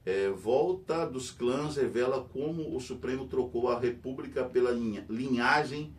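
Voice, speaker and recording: A middle-aged Brazilian teacher hosting a news channel, rambling in casual commentary full of fillers and tag questions. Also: male voice, a little slow. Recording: distant mic with faint rumble.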